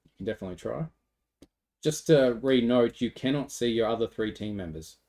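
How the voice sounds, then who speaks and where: A man narrating a tabletop game as game master, easygoing and quick to laugh. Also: medium pitch, mellow. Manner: easygoing, laughs between descriptions.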